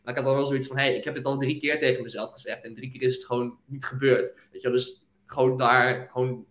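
A man's voice: medium pitch, fast. Young man telling his story, echoey room. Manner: animated storytelling, laughs often, fillers like "weet je wel". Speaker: guest, business owner. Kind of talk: casual interview talk.

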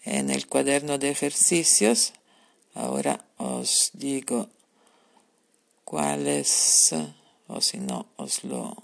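A woman's voice: rumbling low, sing-song, slow pace, creaky, pauses often. A woman teaching grammar in a recorded podcast lesson, patiently repeating her points and spelling out examples. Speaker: language teacher.

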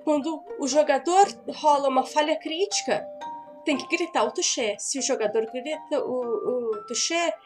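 Brazilian woman co-host, high voice, animated rules explainer, music under her. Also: moderate pace. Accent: Brazilian Portuguese. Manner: animated, explanatory, laughs often. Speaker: podcast co-host, game designer. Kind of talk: casual podcast chat explaining game rules.

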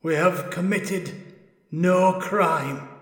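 A man's voice: high voice, extremely slow, a bit bright, voice pushed up, full character voice. A man voicing an ancient dwarf ghost who pleads in anguish, full of long suffering. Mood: pleading. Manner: mournful, echoing with ages of suffering.

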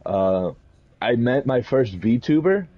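A man from Puerto Rico co-hosting a podcast, telling stories in an animated, rambling way with quick laughs. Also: medium pitch, lo-fi sound. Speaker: podcast co-host. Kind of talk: casual chat.

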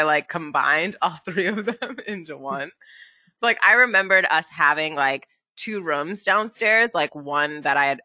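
A woman's voice: deep voice, pushed and bright, dry recording. A woman talking in a casual podcast chat, chatty with lots of fillers and frequent laughs.

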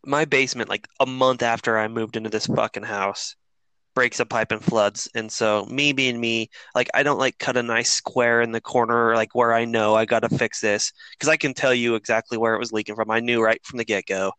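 A middle-aged man with a bright, clear voice rambles through a story, cursing freely and piling on fillers. The sound is dry and close to the mic. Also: medium pitch, fairly quick, no echo, low-quality recording. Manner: profane, rambling, animated storyteller. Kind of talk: casual storytelling chat.

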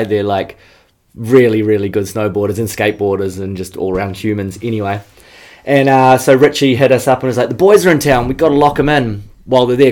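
A man's voice: mid-range voice, darkish tone. Laid-back New Zealand man, slangy chat. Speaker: snowboarder guest. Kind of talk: casual interview chat.

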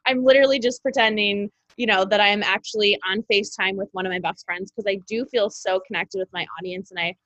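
A woman's voice: mid-range voice, fairly even intonation, brisk, few pauses, sharp tone, dry recording. Female podcast guest, upbeat and friendly, slightly dull remote-call audio. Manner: upbeat, friendly, talks in run-on tips. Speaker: podcast guest, social media coach. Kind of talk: casual chat.

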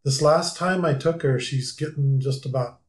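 A man speaking as a guest on a casual interview podcast, halting and restarting often as he recalls things. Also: on the high side. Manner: halting, many restarts and fillers.

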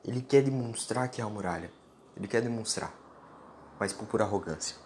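A man's voice: on the low side, brisk. A man speaks into a close podcast mic. He lectures bluntly and informally, talking straight at the listener in a solo monologue. A faint hum of ambient noise sits under his voice. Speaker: podcast host.

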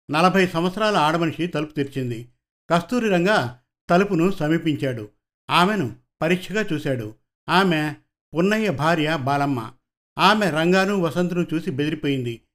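A man narrating a detective story. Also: fairly high pitch. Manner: even, measured storytelling, voicing characters' dialogue. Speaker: audiobook narrator. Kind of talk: scripted narration.

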